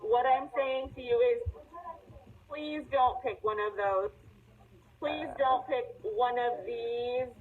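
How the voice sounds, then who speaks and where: A woman teacher leads an online class, her fairly high voice coming through a thin, phone-like call line. She talks emphatically and drives her points home by repeating them. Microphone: video call audio. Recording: tinny online call audio.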